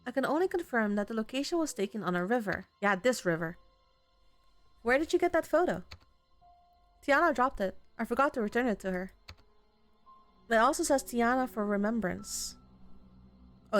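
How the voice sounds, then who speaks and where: A woman with a fairly high, fairly bright voice reads a visual novel aloud while playing it. She narrates expressively, then breaks off into casual commentary full of exclamations, reactions and offhand swearing.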